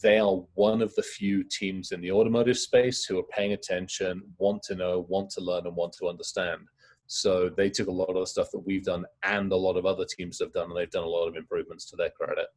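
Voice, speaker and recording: A middle-aged man, a guest in a casual interview, talking in quick, rambling stories. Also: deep voice, flat delivery, a little mellow. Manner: fast, rambling storytelling.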